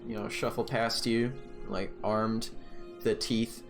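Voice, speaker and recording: A man narrating a tabletop game as game master, descriptive and casual, sometimes halting as he improvises. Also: lowish voice, flat delivery, gravelly. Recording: music behind the voice.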